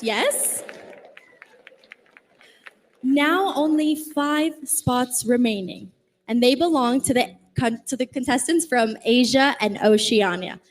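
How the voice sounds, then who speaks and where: A woman hosting a live pageant, announcing the finalists with drawn-out reveals. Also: high-pitched. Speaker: pageant host.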